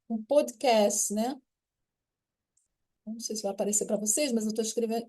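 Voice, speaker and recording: A Brazilian woman teaching an online lesson in a mellow, warm voice set a little high. She talks patiently and often stops to check her listeners are following. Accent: Brazilian Portuguese. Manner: explanatory, checks in with "certo?" and "né?". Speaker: French teacher.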